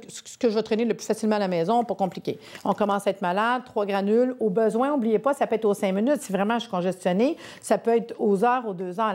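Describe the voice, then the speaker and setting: A woman with a Québécois French accent and a medium-pitched, darkish voice presents a sponsored health segment. Her delivery is chatty and persuasive.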